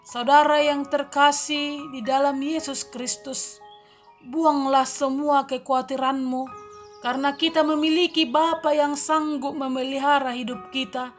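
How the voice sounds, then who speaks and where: A woman deaconess giving a daily devotional sermon in a calm, earnest preaching manner, addressing her congregation directly. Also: high-pitched.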